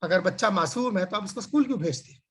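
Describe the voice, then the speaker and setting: Via video call, a man gives a conversational lecture on religious scripture in a high, expressive voice that is fairly bright yet husky. Everyday examples and rhetorical questions carry his points, along with frequent fillers and restarts, and he slows down to stress key words.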